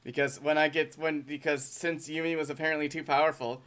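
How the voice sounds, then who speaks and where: Guy with a kinda high voice chatting and yelling game callouts. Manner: quick play calls, excitable. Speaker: gamer. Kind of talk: casual chat while gaming.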